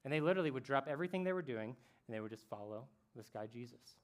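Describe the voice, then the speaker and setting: A man speaking as a camp speaker, telling a story in a casual, slangy way that swings between loud bursts and hushed moments. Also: mid-range voice, expressive, fast. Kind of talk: youth camp talk.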